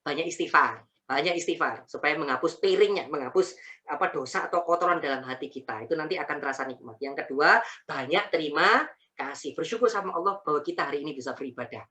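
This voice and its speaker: A man, an Islamic preacher giving an animated, repetitive and joking talk over a video call. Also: fairly high pitch, fast talker. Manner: animated, repetitive, joking, speaks heartfelt prayers aloud. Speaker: Islamic preacher answering questions. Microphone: video call mic.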